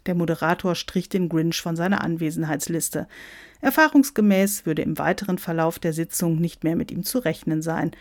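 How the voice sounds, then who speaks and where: A woman with a fairly low voice reading a humorous story aloud in a wry, lively way. The recording is dry and close, with no room sound. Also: normal speed, no room sound. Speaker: narrator.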